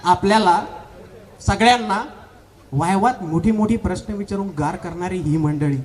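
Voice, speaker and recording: High-voiced man with wry asides. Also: moderate pace, a crowd in the background. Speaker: narrator and solo performer. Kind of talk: comic stage narration.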